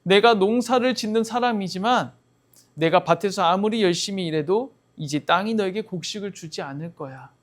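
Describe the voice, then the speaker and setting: A man's voice: sits high, normal speed, lightly acted. A man voicing God as a stern, fatherly figure who rebukes and warns, in a Bible story told to children.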